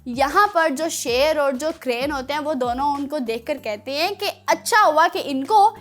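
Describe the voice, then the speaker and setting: A children's show host tells stories to children in a high voice at normal speed. She has a teacherly style and regularly asks her listeners questions.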